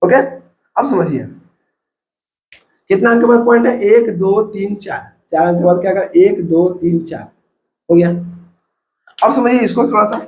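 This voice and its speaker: A man's voice: high-pitched, a little slow, long pauses, darkish tone. A man from India with a Bihari Hindi accent, teaching a math lesson step by step and counting numbers aloud. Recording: echoey room.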